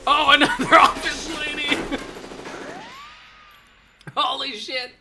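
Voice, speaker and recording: A man's voice: very high voice, level tone, takes it slowly, sharp tone, soft background music. A man streaming a video game, reacting with wry jokes and frequent laughter. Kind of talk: casual game stream commentary.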